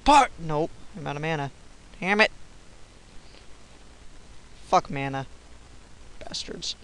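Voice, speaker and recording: A young man giving casual, silly commentary over his own gameplay, swearing often and breaking into yells. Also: fairly high pitch, animated, slow pace, clear, resonant tone, poor audio. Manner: swearing, silly, bursts of yelling. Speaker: gamer recording gameplay.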